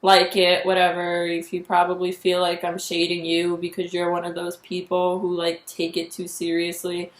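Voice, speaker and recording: A young woman ranting in a casual vlog, exasperated and animated, filling her talk with "like". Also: lowish voice, normal speed, hardly any pauses, echoey room. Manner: animated, exasperated, heavy use of "like". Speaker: vlogger.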